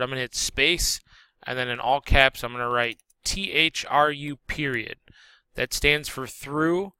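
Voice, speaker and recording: A man teacher walking students through a software drawing tutorial step by step, relaxed and correcting himself as he goes. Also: mid-range voice, clear, resonant tone, dry recording. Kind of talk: screen-recorded software tutorial.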